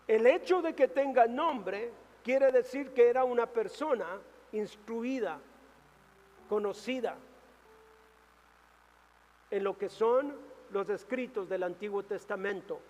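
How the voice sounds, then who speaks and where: High-voiced man preaching in a reverberant hall. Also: slow, long pauses, dull audio. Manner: preaching with dramatic rises and hushed drops. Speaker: pastor. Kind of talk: sermon. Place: church hall. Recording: reverberant church hall with music.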